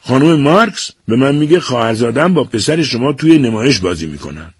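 A man reading an audiobook and voicing a stern, furious middle-aged father who shouts orders at his son. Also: medium pitch, lively intonation, slightly rough, no room sound, studio quality, voice pushed up. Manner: shouting, domineering.

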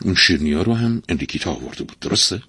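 A man's voice: low-pitched, animated, bright, forceful tone, husky, dry recording, exaggerated voice. Man playing a smug, teasing merchant husband. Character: sly, knowing middle-aged merchant husband.

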